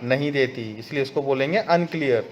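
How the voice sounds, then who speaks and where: A man with an Indian accent teaching an English textbook lesson to schoolchildren. He reads the English lines slowly and explains them in Hindi mixed with English words. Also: mid-range voice. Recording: slightly dull audio with faint background noise.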